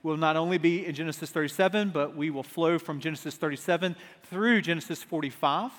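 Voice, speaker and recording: A man's voice: fairly high pitch, a little fast. A man preaching a sermon into a pulpit microphone in a church sanctuary, asking rhetorical questions and often restarting his words. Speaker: pastor. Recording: long hall reverb.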